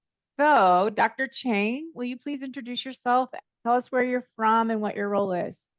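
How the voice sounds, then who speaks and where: A woman's voice: fairly high pitch, moderate pace, no echo. A woman hosting an interview, introducing the guest and asking prepared questions in a polite, upbeat manner. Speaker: interview host. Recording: dry, dull lo-fi audio.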